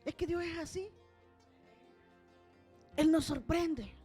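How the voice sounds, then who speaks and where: A woman's voice: extremely high pitch, slow, mellow, faint music behind. A woman preacher giving an emphatic sermon to a church congregation, calling out to the people. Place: church service.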